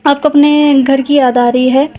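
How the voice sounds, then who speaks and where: A woman voicing a kindly older housemaid in an audio novel, speaking gently and politely. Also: sits high, little pitch movement, a little slow, dull audio. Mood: gentle. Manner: gentle, deferential.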